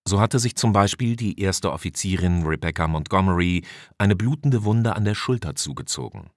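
A male audiobook narrator with a very deep voice, reading in an even, measured way. The recording is close and completely dry. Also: no room sound. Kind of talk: scripted narration.

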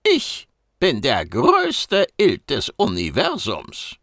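A man reading an audiobook and voicing a cheeky little male mouse-beaver alien, squeaky and boastful. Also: wildly swooping pitch, slow, fairly bright tone, no room sound, studio quality, heavily acted.

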